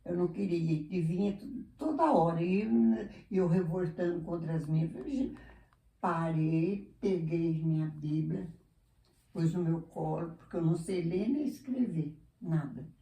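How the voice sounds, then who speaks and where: A woman's voice: fairly low pitch, a little slow, creaky, mellow. A woman giving a heartfelt personal testimony in plain, repetitive words. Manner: simple heartfelt talk, repeats herself. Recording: distant, echoey room.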